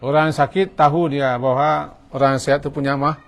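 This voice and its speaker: A man preaching a sermon in a mosque, lively, switching between quiet stretches and loud acted-out voices. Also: fairly high pitch, a little fast, gravelly.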